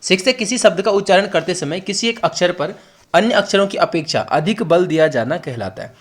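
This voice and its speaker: A man's voice: high voice, lively intonation, a little fast. A young man with an Uttarakhand Hindi accent, teaching an online exam-prep class and explaining with repetition and emphasis. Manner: explanatory, repeats words for emphasis, addresses students directly. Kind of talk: online lesson.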